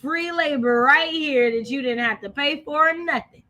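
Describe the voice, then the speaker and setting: Co-hosting a casual book discussion livestream, an American woman talks emphatically, repeating phrases to drive her points home. Her voice is high-pitched, bright and forceful, at normal speed.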